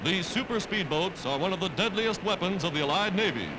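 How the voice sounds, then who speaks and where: A man's voice: high voice, lively intonation, a little fast, heavy background noise. A man narrating an old wartime newsreel in an emphatic, declamatory way. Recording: archival film soundtrack with loud music behind.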